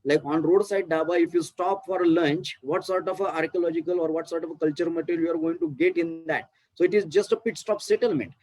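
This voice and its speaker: A man's voice: on the high side, steady tone, quick pace, few pauses, a little mellow, dry recording, soft background music, rough recording. A man with an Indian English accent giving an academic talk on archaeology, explaining step by step with many fillers. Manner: explanatory, frequent fillers and restarts. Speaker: archaeology lecturer. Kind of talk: academic presentation.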